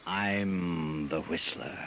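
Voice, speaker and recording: The Whistler, deep sinister radio narrator. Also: male voice, fairly even intonation, heavy background noise, exaggerated voice. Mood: ominous. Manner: theatrical, sinister, deliberate phrasing. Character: mysterious, ominous all-knowing night-walking narrator. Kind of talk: 1940s radio mystery narration. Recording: dull old 1940s radio broadcast.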